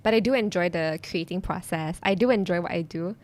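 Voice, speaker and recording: A woman's voice: lowish voice, fairly quick, a little mellow. A young woman, a teacher and content creator, chatting as a podcast guest, friendly and laughing often. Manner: friendly, laughs often, many likes and ums. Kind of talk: casual interview chat.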